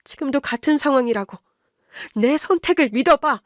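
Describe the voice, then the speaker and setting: A woman voicing a strong-willed middle-aged wife, insistent and emotional, in a higher voice and a dry recording. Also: animated, normal speed, no room sound.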